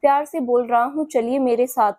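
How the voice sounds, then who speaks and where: A woman voicing a persistent young man in love who talks softly and gently to coax her in a storybook. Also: fairly high pitch, steady tone, normal speed, no room sound, lightly acted. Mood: tender. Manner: soft, gentle and coaxing.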